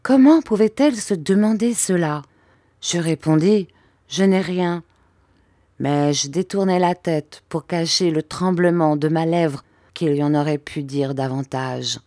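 Casting note: woman audiobook narrator, lowish voice, steady expressive reading, dry close mic. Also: measured pace, no echo. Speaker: audiobook reader. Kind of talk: scripted narration.

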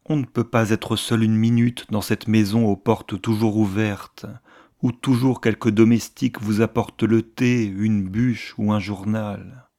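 A restless young countess who pleads and protests with quick, rising lines, read by a man. The voice stays in a fairly low register, as an audiobook reader gives her lines without a change of voice. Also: little pitch movement, mellow. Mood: plaintive.

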